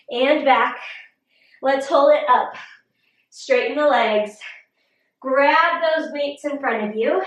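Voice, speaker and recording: A woman's voice: high voice, fairly bright tone. A woman fitness instructor leading a workout video, out of breath and huffing between her coaching cues. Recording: roomy echo, distant mic.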